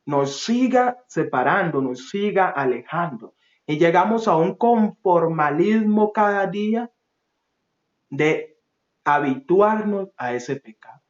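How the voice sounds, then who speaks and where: A man preaching a sermon with passion, swinging from loud pleading to low, soft phrases. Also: expressive, slow, echoey room, lo-fi sound.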